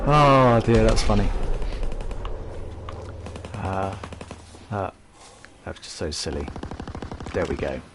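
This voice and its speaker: A man's voice: deep voice, sing-song, slow pace, pauses often, noisy background. A man commenting casually while playing a game on a live stream, rambling and chatty with many fillers. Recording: game gunfire audible behind voice.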